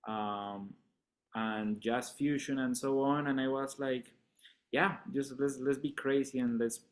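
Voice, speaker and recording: A man from Colombia, a guest musician in a casual interview chat, relaxed and laughing often, talking with many fillers. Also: mid-range voice, measured pace.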